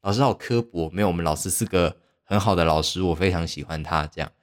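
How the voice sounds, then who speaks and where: A man's voice: sits low, fast talker. A young man, hosting a podcast and telling a story casually, rambling and poking fun at himself with lots of fillers. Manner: rambling, self-mocking, heavy use of fillers. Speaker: podcast host.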